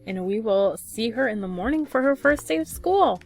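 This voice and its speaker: A woman's voice: a little high, lively intonation, moderate pace, faint music behind. A woman giving casual, chatty commentary over her life-simulation gameplay, laughing often and using many fillers. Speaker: let's play gamer.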